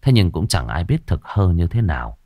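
A man's voice: sits low, big pitch swings, normal speed, warm tone, dry recording, studio quality. A man narrating a ghost story in a dramatic storytelling manner.

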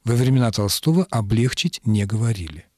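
Measured male radio language expert. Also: mid-range voice. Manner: measured, explanatory, with hesitations. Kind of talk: radio call-in answers. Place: radio studio.

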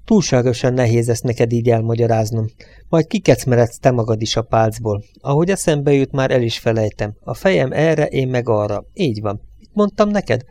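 Give me a man playing a wounded, half-conscious trucker, rambling and breathless, gravelly and pitched up high. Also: mellow, lightly acted. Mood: confused. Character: wounded, delirious adult male truck driver.

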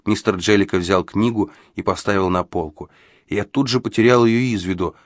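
A man reads a gothic novel aloud in the first person, steady and calm. His voice is low, and the recording is dry and close, with no room sound around it. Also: brisk, no room sound. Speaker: audiobook narrator. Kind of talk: scripted first-person narration.

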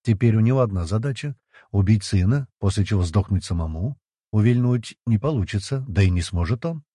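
A cocky nobleman plotting in a storybook, his voice pitched up and swinging lively, played by a male narrator. The tone is husky and dark, recorded dry. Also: fairly quick, dry recording. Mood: smug. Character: cocky scheming nobleman, male, middle-aged.

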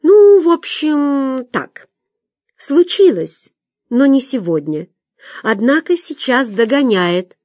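A frightened woman on the edge of tears, as a female reader puts her on, her voice climbing high in anxious, shrill bursts. The audiobook is recorded close and dry, with no room around it. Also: sing-song, slow pace, darkish tone, no echo, full character voice. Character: frightened, tearful woman haunted by fear.

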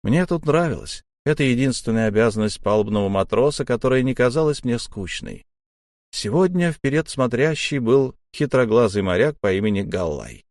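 A man narrating a first-person adventure story in a steady, measured reading. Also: mid-range voice, no room sound, studio quality. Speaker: audiobook narrator.

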